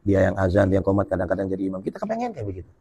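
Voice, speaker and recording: A man's voice: low voice, very animated, rapid-fire, dark tone, breathy edge. A male preacher, giving a jokey, colloquial sermon at a mosque gathering after dawn prayer, reading and explaining Arabic text. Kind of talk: humorous sermon.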